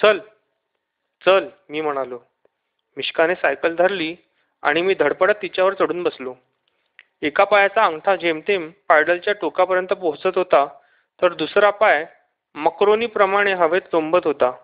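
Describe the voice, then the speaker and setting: A man reading a children's story aloud in lively first-person narration. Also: high-pitched, moderate pace. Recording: dull lo-fi recording.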